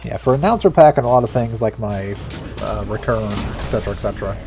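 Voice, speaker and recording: A man giving casual, hesitant gameplay commentary as a streamer, low-key and self-deprecating. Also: quick pace, mellow. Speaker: game streamer. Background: game music and effects.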